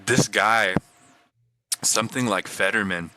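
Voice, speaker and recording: A man's voice: lowish voice, measured pace, background noise. A man co-hosting a podcast, joking in casual chat, laughing often and mimicking people in mock quotes. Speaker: podcast co-host.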